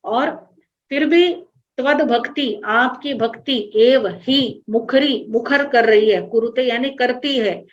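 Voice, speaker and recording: Woman, religious teacher, patient line-by-line explanation, higher voice, dull lo-fi online class audio. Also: takes it slowly.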